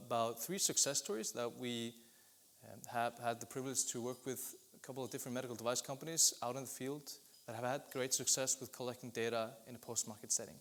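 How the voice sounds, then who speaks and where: Presenting at an industry event, this business development lead from Iceland speaks with a medium-pitched voice. He gives a conference talk in a steady, explanatory manner, now and then restarting a sentence.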